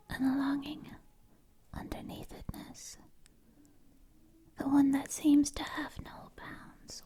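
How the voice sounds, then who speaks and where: A woman whispers gently right into the listener's ear in an ASMR poetry reading, close on the mic, slowly and with long pauses. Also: high-pitched. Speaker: ASMR content creator.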